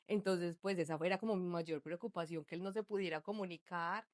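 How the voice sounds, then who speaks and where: A woman's voice: lowish voice, steady tone, fairly quick, no room sound. Colombian woman telling her story, dry sound. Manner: chatty storytelling, full of fillers like "pues" and "entonces". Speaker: guest, migrant mother. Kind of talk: casual conversational interview.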